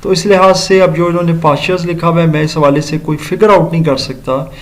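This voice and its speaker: A man teaching an English grammar lesson, explaining slowly, repeating points and checking that students follow. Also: fairly high pitch, steady tone. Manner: mixes English words and sentences into Urdu explanation. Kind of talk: classroom grammar lecture.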